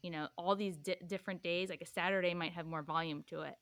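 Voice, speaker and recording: Low-voiced young woman, casual rambling chat. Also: fairly even intonation, fast, a bit bright, no room sound. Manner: rambling, full of "like" and "um". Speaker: podcast guest.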